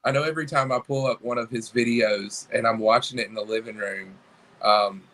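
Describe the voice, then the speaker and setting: A man's voice: mid-range voice, steady tone, a little fast, a bit bright. A man co-hosting a casual chat, asking a guest questions in a friendly, rambling way. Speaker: co-host interviewer.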